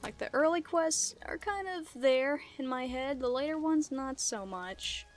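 A woman's voice: sits high, unhurried. A young woman giving casual, chatty, playful commentary as she plays a video game. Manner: playful, chatty, giggly asides. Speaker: gamer, let's play host. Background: game music.

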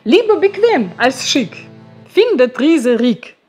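A woman doing an excitable kind giant. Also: high-pitched, moderate pace, soft background music, voice pushed up. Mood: excited. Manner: excited, exclaiming. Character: kind, cheerful male giant.

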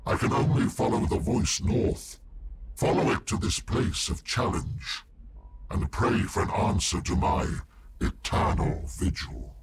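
An actor playing a solemn ancient psychic warrior entombed in a war machine, speaking in a grave, cryptic, seer-like way in a video game. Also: male voice, measured pace, heavy background noise, lightly acted. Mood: solemn, brooding. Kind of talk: dramatic scripted game monologue.

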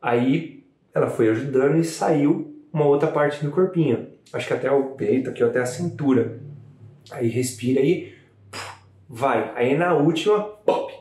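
A man, a new father, telling the story of his child's birth in a casual, animated way to camera. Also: mid-range voice, moderate pace, echoey room. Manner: chatty, animated retelling with frequent "né" tags.

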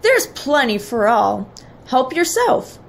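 A woman's voice: high voice, slow, vocal fry, voice pushed up, heavily acted. A woman reading aloud, voicing a clever, cheerful boy who shows visitors around his house. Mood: excited. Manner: excited, proclaiming.

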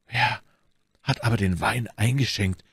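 Male reader as a grave storybook swordsman, slow and grim, low voice, dry close sound. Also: creaky, a bit bright, slightly rough, no echo, exaggerated voice. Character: grave older swordsman, somber and brooding.

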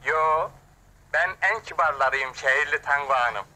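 A man's voice: fairly high pitch, moderate pace, sharp tone, slight background noise. An actor playing a cheeky, teasing rustic village man in a comic film, mock-polite in his jokes.

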